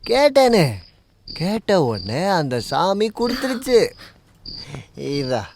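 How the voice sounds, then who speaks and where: Bumbling servant for a film dub: whiny, rambling, very lively pitch. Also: male voice, slow pace, slight background noise, heavily acted. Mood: tipsy rambling. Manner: rambling and whiny, later tipsy. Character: simple-minded male servant, comic and bumbling. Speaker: dubbed film actor. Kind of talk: dubbed film dialogue.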